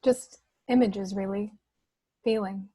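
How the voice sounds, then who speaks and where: A woman's voice: mid-range voice, steady tone, slow, warm tone, breathy edge. A woman reading the part of a troubled, tender young princess in a film script table read on a video call. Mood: concerned, wistful.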